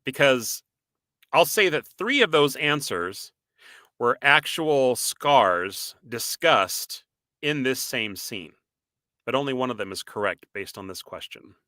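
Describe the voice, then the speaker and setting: A man with a Boston accent co-hosting a live-stream podcast, chatty and animated, reading out viewer comments and quizzing his co-host. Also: medium pitch, slow, dry recording. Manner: animated, reads out viewer comments, laughs often. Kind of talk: casual live-stream chat.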